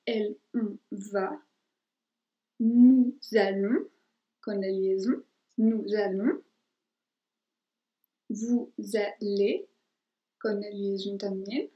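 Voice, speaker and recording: French-born woman, native French speaker, patient language teacher, slightly high pitch, slow deliberate delivery, roomy echo. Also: dark tone. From France. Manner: slow, careful modeling of French conjugations. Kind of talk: language lesson.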